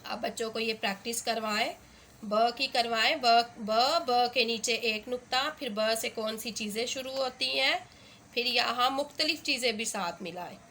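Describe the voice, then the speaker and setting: A woman's voice: fairly high pitch, sharp tone, slight background noise. A woman with an Urdu accent teaching a phonics lesson, repeating letter sounds and words with stress on the first sound. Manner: slow, repeats sounds with emphasis.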